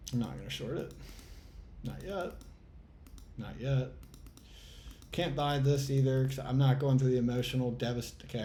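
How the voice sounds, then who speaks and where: With a mellow, medium-pitched voice and a little hiss or hum in the audio, this trading channel host mutters to himself during a trading game. As he commentates live he sighs in exasperation and swears at the chart.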